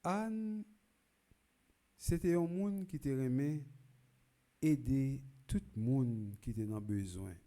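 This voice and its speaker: In a church during a requiem mass, a priest with a Haitian accent reads the gospel and delivers a funeral homily. His mid-range voice stays measured, then rises into loud, proclaiming calls.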